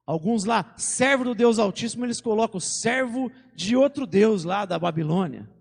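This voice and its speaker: A male pastor with a Brazilian Portuguese accent preaches in a very high voice. His sermon is conversational, with stories and casual slang. The sound rings out with a long reverb, as in a church hall. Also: lively intonation, normal speed, vocal fry, slightly rough. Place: church sanctuary.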